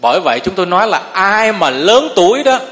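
A man's voice: high-pitched, very animated, brisk, a bit bright. A man, a Buddhist monk giving a sermon in a folksy storytelling way and often asking the listeners if they agree. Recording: long reverb of a hall.

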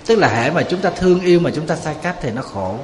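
A man's voice: fairly high pitch, animated, fast talker, a little mellow, slight background noise. A man, a Buddhist monk giving a sermon, talking conversationally and putting rhetorical questions to his listeners. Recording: echoey hall with long reverb, faint ambience.

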